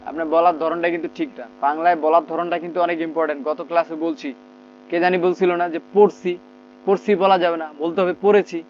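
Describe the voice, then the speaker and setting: A man's voice: on the high side, little pitch movement, fast. A man from Bangladesh teaching a spoken English class online, correcting students and having them repeat sentences. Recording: slightly muffled, faint background noise.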